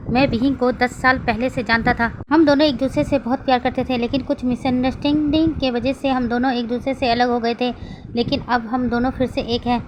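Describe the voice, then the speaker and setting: A woman voicing a calm, patient young man who speaks soothingly in a read-aloud story. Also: fairly high pitch, slight background noise, close to an everyday voice, low-quality recording.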